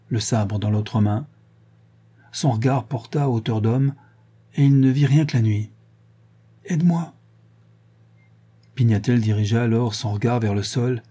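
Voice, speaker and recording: A man reading a historical crime story aloud in a measured, steady way. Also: medium pitch, breathy edge. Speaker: audiobook narrator. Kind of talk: scripted narration of a crime story.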